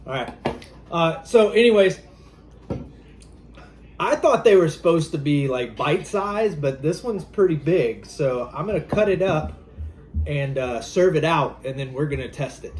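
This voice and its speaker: A man's voice: fairly high pitch, lively intonation, unhurried, a little hiss or hum. A man from Louisiana with a Southern accent, casually hosting a cooking vlog in his home kitchen, easygoing and rambling with fillers. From Louisiana, USA. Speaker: channel host.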